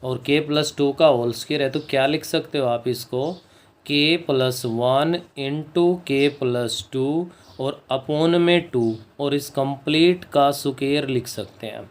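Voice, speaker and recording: A man teaching a maths lesson, working through a proof step by step and often checking in with his students. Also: mid-range voice. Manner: slow and deliberate, dictates English phrases word by word, checks in with students. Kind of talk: board-work maths lesson.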